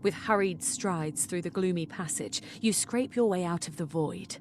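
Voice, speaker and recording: A woman's voice: fairly low pitch, normal speed, a little hiss or hum. A woman reading scripted second-person fantasy narration as a game narrator. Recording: music behind the voice.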